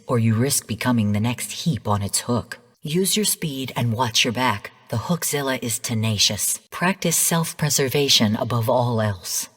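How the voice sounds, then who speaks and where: For scripted game narration, a stern female AI speaks through long hall reverb in a low, slightly husky voice. She briefs formally and analytically in measured, composed phrases, heavily acted and cautionary in mood.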